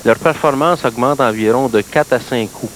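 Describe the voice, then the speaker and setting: A man's voice: medium pitch, moderate pace. Quebec male golf-style analyst, noisy old broadcast. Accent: Quebec French. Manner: informal, explanatory. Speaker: color analyst. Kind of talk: golf-commentator style analysis of a mini-putt match. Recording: noisy late-1980s TV sports recording.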